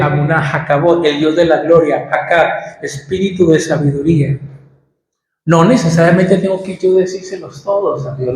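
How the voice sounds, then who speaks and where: A man preaching a sermon, asking the congregation questions and answering them himself, and drawing out key words slowly for emphasis. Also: sits high, darkish tone. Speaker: pastor. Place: church hall. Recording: very echoey hall with faint background noise.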